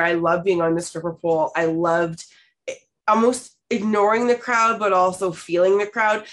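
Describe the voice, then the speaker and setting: Low-voiced candid woman podcast host. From Canada. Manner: candid, expressive, swears casually. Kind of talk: casual storytelling chat.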